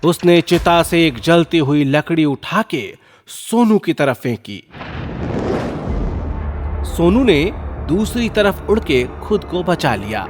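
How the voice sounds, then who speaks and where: A man's voice: fairly high pitch, very animated, slow pace. A man narrating a ghost story in a wry, jokey scripted style. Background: music.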